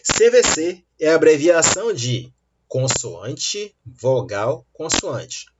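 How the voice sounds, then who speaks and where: A man's voice: on the high side, big pitch swings, background noise. A man teaching English grammar in a lesson, explaining patiently and checking that students follow. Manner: slow, patient explaining with rising checks like "tá bom?". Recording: dull lo-fi recording.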